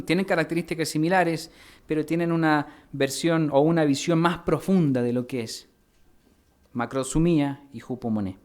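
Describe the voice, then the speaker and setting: A man from Mexico, a pastor preaching a teaching sermon, spelling out words slowly and putting questions to his congregation. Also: fairly high pitch. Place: church hall.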